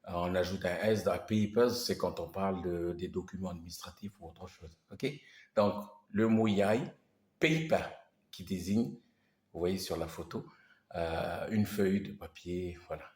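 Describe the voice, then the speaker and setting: Slow, deep-voiced man teaching words. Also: fairly even intonation, darkish tone. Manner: patient, repeats each word several times. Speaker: language teacher. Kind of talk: vocabulary lesson video. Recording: roomy echo.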